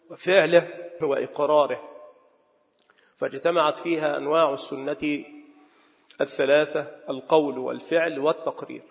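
A man preaching a sermon with a raised, gravelly voice and a measured, dictating delivery. His voice rings through a long hall echo, and the sound is dull and muffled. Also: on the high side. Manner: measured, dictating slowly with repeated words for note-taking.

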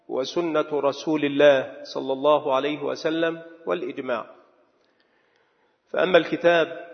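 A man delivering a sermon in a measured, dictating manner, slowly repeating words as if for note-taking. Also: a little high, creaky. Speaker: preacher. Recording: dull echoing hall sound.

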